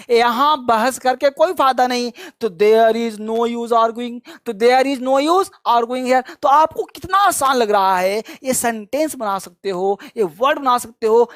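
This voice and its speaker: A man teaching spoken English, repeating phrases slowly and coaxing his students along. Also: very high-pitched, fairly bright tone, no room sound, studio quality. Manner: drills phrases by slow repetition, coaxing and emphatic. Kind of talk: classroom-style language lesson.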